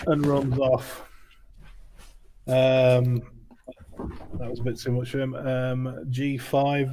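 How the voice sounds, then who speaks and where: A man running a tabletop role-playing game as game master, explaining rules at an unhurried pace with many fillers. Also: mid-range voice, mellow, slight background noise.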